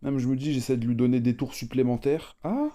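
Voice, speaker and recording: A man's voice: medium pitch, a little fast, dark tone. A man chatting casually as he plays a strategy game, slangy and repeating himself. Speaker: gaming video host, player. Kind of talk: casual chat while playing a strategy game.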